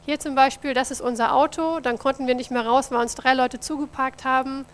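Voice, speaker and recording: Briskly and with fairly even intonation, a high-pitched German woman describes her mission office work to a church audience. She is friendly and talks directly to them while presenting a mission report with slides.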